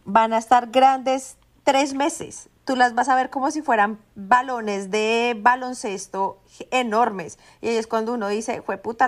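A woman with a Colombian accent co-hosting a podcast, telling her stories in a lively way and acting out what she shouted. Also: fairly high pitch. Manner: animated storyteller, acts out her own shouts. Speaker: podcast co-host. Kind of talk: casual chat.

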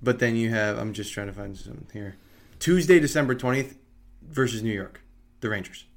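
A man's voice: mid-range voice, fairly quick. A man hosting a podcast, chatting casually and thinking aloud about hockey schedules. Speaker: podcast host. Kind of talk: casual sports chat.

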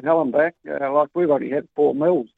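A man with a New Zealand accent calls a talkback show over his phone's speaker, talking fairly quickly in a fairly high, gravelly voice. His casual call is rambling and colloquial, full of ums and restarts. The line is tinny and dry, with no room sound.

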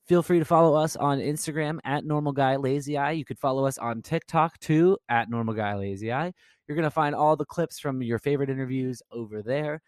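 A man's voice: mid-range voice, darkish tone, dry recording. Upbeat male podcast host, dry sound. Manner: upbeat, thankful, plugging the show. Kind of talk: casual podcast outro.

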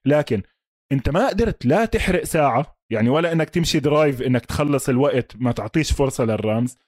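A man's voice: mid-range voice, animated, quick pace, a little mellow, dry recording, studio quality. A man with a Levantine Arabic accent co-hosts a casual American football chat, talking emphatically and mixing in English sports terms and checking questions. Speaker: sports podcast co-host.

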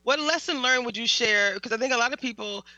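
A woman hosting a conversational interview, animated and quick to laugh, with frequent restarts. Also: fairly high pitch, no echo, rough recording. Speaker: host.

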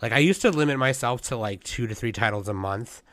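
A young man hosting a casual podcast, hoarse and congested, rambling with lots of fillers and swearing. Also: medium pitch, a little fast, fairly bright tone, dry recording. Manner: rambling, profane, many fillers. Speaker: podcast host. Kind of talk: casual chat.

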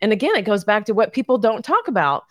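A woman's voice: mid-range voice, sing-song, fast talker, dry recording, clean studio sound. A woman guest chatting casually in an interview, down-to-earth and encouraging, laughing often. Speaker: guest, realtor and short-term rental owner.

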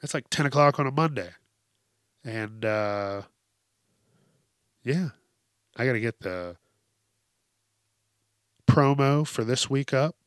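A congested podcast host, his allergies acting up, rants solo in a casual, blunt, emphatic manner with lots of swearing. His medium-pitched voice is animated yet slow, pausing often, with a clean tone and no room sound on a close hypercardioid microphone.

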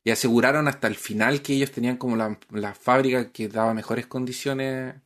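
A man's voice: mid-range voice, fairly even intonation, a little fast, a bit bright. A man hosting a podcast, telling a historical story in casual chat, with many hesitations and restarts. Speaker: podcast host.

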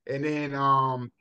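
A middle-aged Jamaican man who coaches high school football tells his life story in a relaxed, casual interview, laughing and restarting his sentences along the way. The recording has a dull, lo-fi sound.

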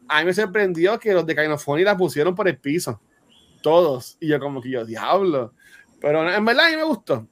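A man co-hosts a relaxed podcast chat, his voice on the high side for a man. He speaks his mind freely and cracks jokes along the way. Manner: joking, opinionated. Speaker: podcast co-host.

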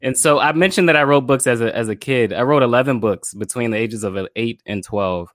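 A man from Florida, a guest in a relaxed interview, talking about his life in a reflective way with frequent fillers. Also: mid-range voice, fairly quick, dry recording, clean studio sound. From Florida, USA. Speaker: podcast guest, filmmaker and brand strategist. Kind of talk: casual interview conversation.

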